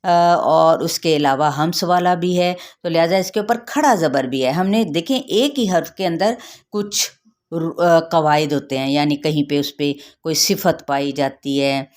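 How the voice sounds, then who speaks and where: A woman gives a tajweed lesson. She explains each recitation rule patiently, checks in with her students often, and then recites the words slowly and carefully. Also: low-pitched. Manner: patient, repeats rules, checks with "theek hai". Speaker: Quran recitation teacher.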